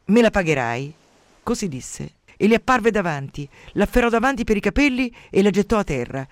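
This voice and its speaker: A man tells an ancient myth on the radio in a dramatic way, stopping now and then for wry asides. His voice sits fairly high, and the studio sound is close and dry. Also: very animated, fairly quick, dry recording. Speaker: radio storyteller. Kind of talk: retelling a myth with commentary. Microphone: studio mic.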